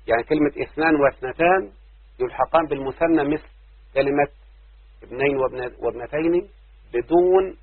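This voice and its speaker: A man's voice: a little high, fairly quick, pauses often, husky, no echo. A man teaching a grammar lesson, explaining step by step and repeating key rules and examples. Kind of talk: classroom lecture. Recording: dry, phone-like narrow sound.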